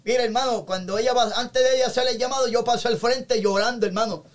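A male evangelist with a notably high voice, telling his testimony with fervor. He keeps dropping short praise phrases between his sentences, in a warm conversational interview pace. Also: fast talker. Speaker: evangelist guest.

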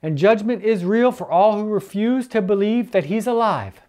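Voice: medium pitch, animated, normal speed, a little mellow. A church elder preaching earnestly and stressing key points by repeating them. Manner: earnest, emphatic repetition.

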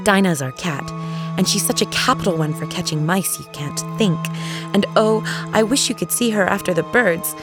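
A woman's voice: medium pitch, very animated, normal speed, over music, pitched above the performer's own voice. A woman voicing a curious, polite young girl who talks earnestly and pleads, in a storybook reading. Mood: eager.

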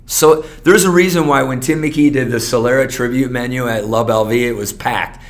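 A man's voice: medium pitch, fairly quick. A man, a restaurant server, ranting profanely and with animation in casual conversation.

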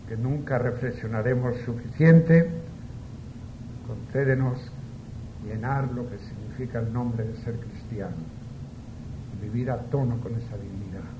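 A male priest delivers scripture and homily in an earnest, direct manner. His mid-pitched voice rings with cathedral-like echo, and clear background noise sits behind it. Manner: earnest, conversational preaching with rhetorical questions. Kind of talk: liturgical Gospel reading and informal homily. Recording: echoey church sound, clear background noise.

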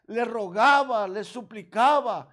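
A man preaching a sermon, retelling a parable slowly and earnestly. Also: very high voice, a bit bright.

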